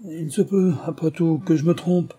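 Guy doing a bossy manager barking orders, husky. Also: a little high, moderate pace, warm tone, pitched above the performer's own voice. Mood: commanding. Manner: commanding and pompous. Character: bossy male plantation manager, commanding.

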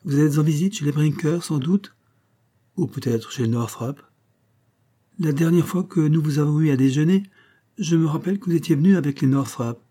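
A man reading a polite, evasive spinster lady of the house in an audiobook, lifting his voice into bright, chatty, formal talk. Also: fairly high pitch, moderate pace, voice pushed up, lightly acted. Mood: gracious chatter.

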